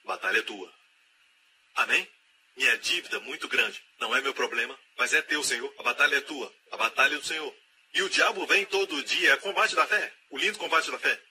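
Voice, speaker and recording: A man's voice: medium pitch, fairly quick, noisy background. A man preaching a sermon with emphatic delivery, repeating key phrases again and again and acting out the voices of the people he quotes.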